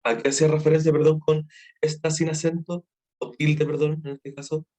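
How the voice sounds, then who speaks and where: A man's voice: fairly high pitch, little pitch movement, moderate pace, dark tone. A male student politely asking his teacher a question during an online class and apologizing often.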